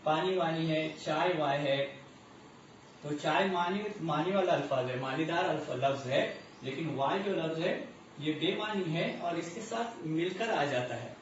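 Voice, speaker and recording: A man teaching a grammar lesson. He repeats the terms slowly and asks and answers his own questions. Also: on the high side, slight background noise. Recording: muffled echoey distant recording.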